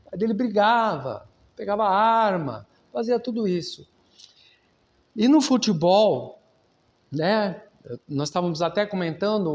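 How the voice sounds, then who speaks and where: A man's voice: sits high, a little mellow. A man with a Brazilian Portuguese accent giving an earnest, conversational spiritist lecture at a public meeting, drawing on personal anecdotes.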